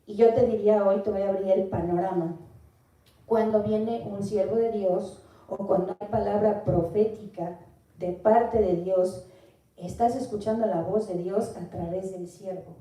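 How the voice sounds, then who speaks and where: A woman's voice: medium pitch, fairly even intonation, measured pace, dark tone. A woman from Mexico with a Mexican Spanish accent, giving an earnest Bible teaching and asking the listener questions. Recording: echoey room, voice from far off.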